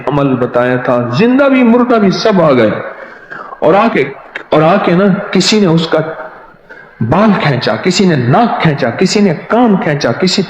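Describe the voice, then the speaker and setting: A man preaching a sermon, telling stories with quoted dialogue in an animated way. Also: sits high. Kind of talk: sermon storytelling. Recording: echoey hall, dull lo-fi sound.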